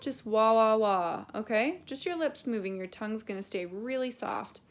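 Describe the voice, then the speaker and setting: A woman's voice: fairly high pitch, expressive, moderate pace. A woman teaching a singing lesson, coaching patiently and singing short phrases as examples. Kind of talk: vocal lesson with sung demonstrations.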